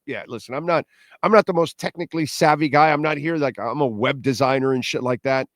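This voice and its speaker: A man with a mid-pitched voice hosts a show in a casual, opinionated monologue. He talks straight to viewers, blunt and emphatic, repeating points and throwing out rhetorical questions. The sound is dry and close, with little room to it. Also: dry recording. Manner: blunt, self-deprecating, salty slang. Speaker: host of a crypto show.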